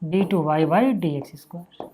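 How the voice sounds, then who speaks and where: Fairly high and warm, this man speaks at normal speed with fairly even intonation, over a slight hiss or hum. His math lesson is casual and stepwise; he's chatty, calls students "भैया" and "भाई" (brother), and keeps asking "है ना" and "यार" to see if they follow.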